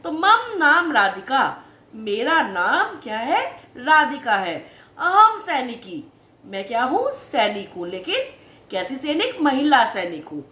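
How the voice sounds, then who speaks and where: Woman, language teacher, high bright voice, lively sing-song delivery, slow repeated words, echoey room. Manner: addresses students as beta, repeats each word slowly with its meaning; sing-song emphatic teaching cadence, sometimes rushed asides. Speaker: Sanskrit teacher. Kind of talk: online lesson explaining a textbook chapter.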